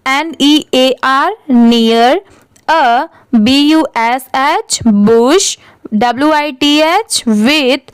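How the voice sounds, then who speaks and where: A woman's voice: sits high, very slow, smooth, dry recording, rough recording. An Indian woman teaching English reading, spelling each word out letter by letter and then reading it, asking her students how to read it and answering herself. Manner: spells words letter by letter, then reads them; asks and answers her own questions. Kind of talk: slow spelling-out lesson.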